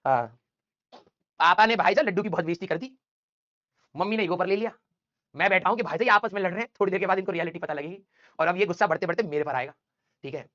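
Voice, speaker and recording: A male teacher telling a funny childhood story to his class in a quick, animated way, with chatty asides to the students. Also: high-pitched, no echo, lo-fi sound.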